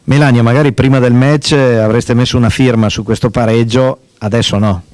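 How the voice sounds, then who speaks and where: A man's voice: medium pitch, steady tone, fairly quick, darkish tone, no echo. Male interviewer, mid voice, short leading post-match questions. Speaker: sports interviewer.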